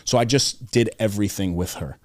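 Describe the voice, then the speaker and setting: A young adult man, a podcast guest, telling a personal story in an earnest, reflective way and often dropping to a soft, quiet voice. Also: lowish voice, a little fast, dry recording. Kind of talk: casual conversational storytelling.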